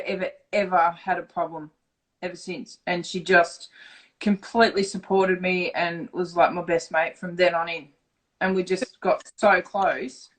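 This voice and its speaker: A middle-aged Australian woman talking openly in a relaxed interview. She is blunt and swears freely, and her delivery turns animated when she re-enacts conversations. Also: medium pitch, poor audio. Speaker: interview guest. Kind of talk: casual storytelling interview.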